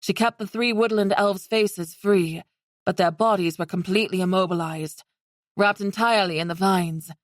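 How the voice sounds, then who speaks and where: A woman narrates a fantasy audiobook in a steady, even storytelling voice at a middle pitch. The sound is close and dry, with no room around it. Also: normal speed, dry recording. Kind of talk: scripted narration.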